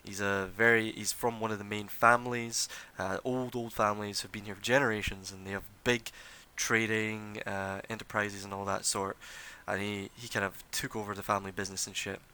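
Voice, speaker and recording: Male game master, lowish voice, sharp bright tone, rambling delivery. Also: flat delivery, brisk, few pauses, clean tone. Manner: loose, rambling, full of fillers and restarts. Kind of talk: narrating a tabletop game.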